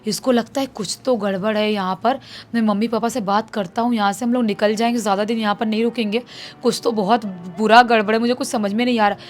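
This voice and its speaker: A woman casually narrating a spooky story, acting out the characters' lines with a raised, louder voice. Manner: acts out quoted characters with raised pitch and loudness. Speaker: horror storyteller. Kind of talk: casual spoken horror narration.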